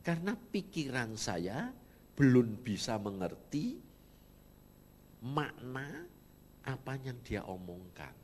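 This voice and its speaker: A middle-aged man preaching a sermon, telling a story, dropping to soft murmurs and then bursting out loudly. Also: mid-range voice, huge pitch swings, slow, long pauses. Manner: swings from soft murmurs to sudden loud emotional bursts. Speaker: evangelist preacher.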